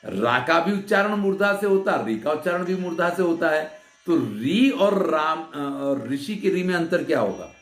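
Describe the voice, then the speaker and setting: Male Sanskrit teacher, slightly high voice, slow patient delivery, roomy echo with faint sitar behind. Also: fairly bright tone. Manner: patient explaining, asks and answers his own questions. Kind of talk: grammar lecture.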